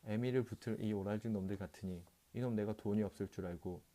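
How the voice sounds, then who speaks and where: A man's voice: sits low, steady tone, a little fast, natural voice. A man reading as a rowdy drunken rickshaw man. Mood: angry shouting. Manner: blustering, cursing, shouting. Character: drunken boisterous middle-aged rickshaw puller.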